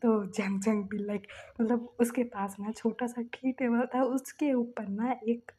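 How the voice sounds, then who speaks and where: Husky chatty woman telling a story. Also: on the high side. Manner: chatty, voices characters' lines with quick excited bursts; often drops to a whisper mid-narration. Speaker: fan fiction narrator. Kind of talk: casual storytelling recap.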